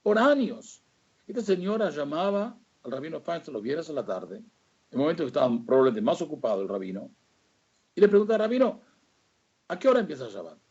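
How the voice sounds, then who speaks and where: Un rabino dando un sermón, hablando directo a los oyentes con énfasis retórico y frenando en las palabras clave. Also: male voice, a little high, very animated, a little fast, darkish tone, slightly rough, dull audio. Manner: rhetorical, addresses listeners directly. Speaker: rabbi. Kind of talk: sermon on the weekly Torah portion.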